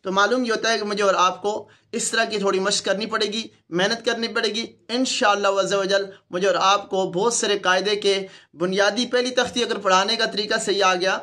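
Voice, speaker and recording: Bright-voiced Urdu-speaking male tutor. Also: high voice, fairly even intonation. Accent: Pakistani Urdu. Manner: patient, repeats sounds slowly for demonstration. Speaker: Quran teacher. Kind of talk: teaching letter pronunciation to teachers.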